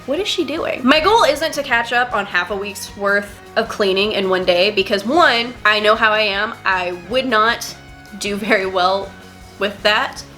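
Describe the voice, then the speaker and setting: A woman's voice: mid-range voice, a little slow, pushed and bright, faint music behind. A young woman vlogger with a stuffy, nasal voice from a cold, rambling casually with stuttering restarts. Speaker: lifestyle vlogger. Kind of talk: casual chit-chat vlog.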